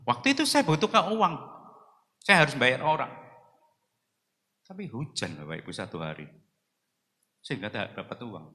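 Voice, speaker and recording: A man preaching a sermon, telling his own story, swinging between loud exhortation and hushed, emotional confession. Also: medium pitch, very animated, moderate pace, long pauses. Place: large church hall. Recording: long hall reverb.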